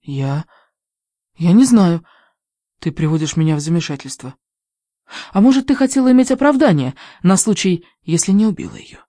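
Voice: mid-range voice, expressive, normal speed, pauses often, warm tone, dry recording, lightly acted. Reader doing a frightened accusing young woman; dry, close, agitated. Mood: confused. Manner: tense, shaky and agitated. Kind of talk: audiobook reading.

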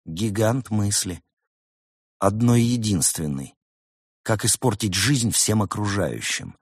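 A stern, sardonic male animal, as a man puts him on. He speaks drily and sharply with a husky voice. A close, dry storybook recording. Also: lowish voice, lively intonation, slow, dry recording, exaggerated voice. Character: stern male animal, exasperated elder brother.

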